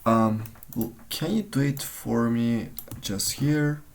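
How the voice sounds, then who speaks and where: A man's voice: medium pitch, takes it slowly, vocal fry, soft background music. A man in a coding walkthrough, thinking aloud and searching for words, often trailing off mid-sentence. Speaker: tutorial maker.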